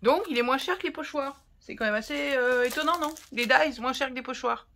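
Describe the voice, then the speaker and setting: A woman's voice: sits high, a little fast, vocal fry. A French woman showing her craft haul, talking casually to her viewers and reacting to each item. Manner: chatty and expressive, talks to viewers while unpacking. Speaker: craft vlogger. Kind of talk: casual haul chat to camera.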